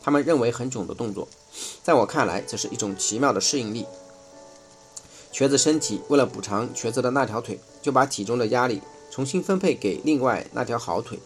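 A man's voice: medium pitch, lively intonation, a little fast, soft background music. Man reading a nonfiction book aloud. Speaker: audiobook reader. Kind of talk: first-person nonfiction reading.

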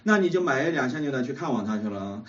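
Fast, animated preacher in a distant noisy recording. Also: male voice, medium pitch, dull audio. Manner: keeps asking the congregation questions and laughs often. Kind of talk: sermon with call-and-response. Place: church hall.

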